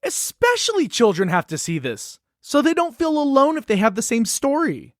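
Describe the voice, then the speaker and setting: In a musical puppet show, an actor voices an earnest, anxious award-winning children's book facing a ban, pleading its case expressively with a pleading, indignant mood. The voice is high with wildly swooping pitch at a moderate pace, recorded in studio quality with no echo.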